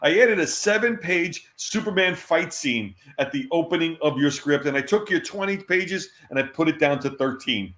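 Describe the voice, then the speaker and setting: A man imitating a blunt, teasing male artist friend in a higher voice while telling a story. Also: expressive, moderate pace, few pauses, a bit bright. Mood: deadpan. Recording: roomy echo.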